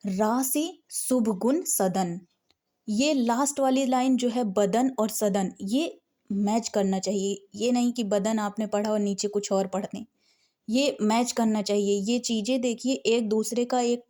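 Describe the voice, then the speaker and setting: A woman teaching scripture recitation, patiently breaking verses into slow, word-by-word chanting. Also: medium pitch, mellow.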